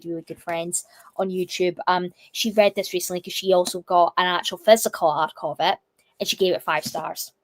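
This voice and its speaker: A young woman hosting a casual livestream, chatty and full of fillers, her voice still a little croaky from a cough. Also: fairly low pitch. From United Kingdom. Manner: chatty, reads chat comments aloud, many fillers. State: slightly croaky from a lingering cough. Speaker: livestream host.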